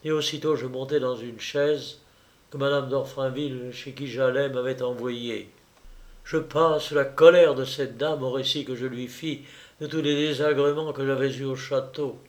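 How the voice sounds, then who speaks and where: A man reading a classic novel aloud in a measured, literary storytelling manner. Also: medium pitch, fairly even intonation. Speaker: audiobook reader. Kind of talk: scripted literary narration.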